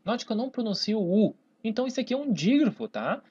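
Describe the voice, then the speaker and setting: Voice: medium pitch, big pitch swings, fast talker, a little mellow, husky. A teacher with a Brazilian accent giving a whiteboard grammar lesson. They stretch words out syllable by syllable and keep checking in with "né?" and "tá, pessoal?". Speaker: Portuguese teacher. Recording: dull lo-fi recording.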